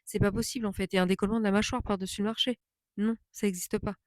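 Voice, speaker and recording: A woman speaks casually, as if chatting to viewers in a storytime vlog, with a mid-range pitch and a dry, close sound. She is indignant and emphatic, and circles back to repeat phrases for stress. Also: fairly even intonation, fast talker, darkish tone, no room sound. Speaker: vlogger telling a personal story.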